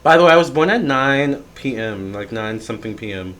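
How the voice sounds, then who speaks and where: A man's voice: mid-range voice, lively intonation, brisk, a bit bright. A man of thirty, a tarot reader, talking through a casual, reflective vlog monologue and rambling with plenty of fillers and restarts.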